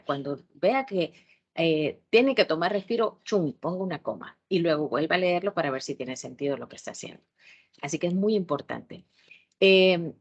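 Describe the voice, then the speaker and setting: A woman with a Salvadoran accent giving an online tutorial lecture as a university tutor, strict and instructive, often pausing with hesitation fillers. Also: lowish voice, lo-fi sound. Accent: Salvadoran Spanish. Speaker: university math education tutor.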